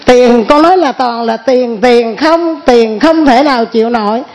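A woman's voice: a little high, measured pace, darkish tone. A middle-aged woman giving an earnest spoken testimony in church, often repeating and restarting her words.

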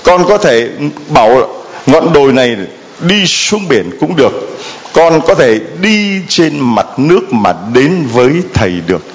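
A man's voice: fairly high pitch, very animated, a little slow. A man preaching a sermon as a priest, telling the story dramatically and animatedly, with sound effects.

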